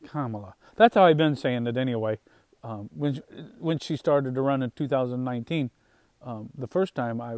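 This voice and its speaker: A man talking casually to his viewers about the harvest and farm life, in an unhurried, halting way with plenty of fillers and restarts. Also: mid-range voice, darkish tone, dry recording. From Northwest Indiana, USA. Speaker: farm vlogger. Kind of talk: casual rambling monologue.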